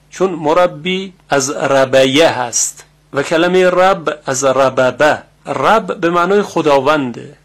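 A middle-aged man teaching Quran recitation and meaning, speaking slowly and deliberately and repeating Arabic words to model their pronunciation. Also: on the high side. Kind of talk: religious lesson on recitation and meaning.

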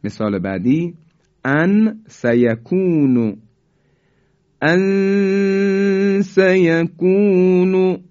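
A man's voice: mid-range voice, warm tone. Man teaching recitation, dull lo-fi sound. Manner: alternates brisk explanation with slow, drawn-out recited examples. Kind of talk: recitation lesson. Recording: dull lo-fi recording.

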